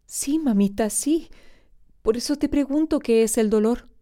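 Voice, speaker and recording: A woman voicing a small, timid and tender boy who speaks softly and pleadingly in a storybook reading. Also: on the high side, measured pace, voice pushed up, lightly acted.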